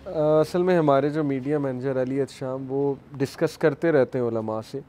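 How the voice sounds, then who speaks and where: Mellow-voiced man explaining earnestly. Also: mid-range voice. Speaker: youth club member, guest. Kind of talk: explaining in a studio discussion.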